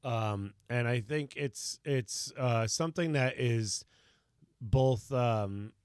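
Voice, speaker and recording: A man in his thirties, a streamer and parent, chatting casually with a slightly hoarse, tired voice, rambling and reflective with many fillers. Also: mid-range voice, slow, darkish tone, dry recording, studio quality. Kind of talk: casual live-stream chat.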